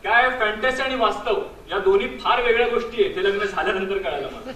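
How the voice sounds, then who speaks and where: In a stage drama, an Indian man with a high, pushed, bright voice plays a sentimental married man still devoted to a former love, speaking earnestly and wistfully. A distant mic records the echoey stage along with background noise.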